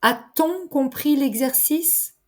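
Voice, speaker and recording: Slow, careful French teacher, woman. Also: high-pitched, darkish tone. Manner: careful, deliberate enunciation. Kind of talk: slow, clear language lesson.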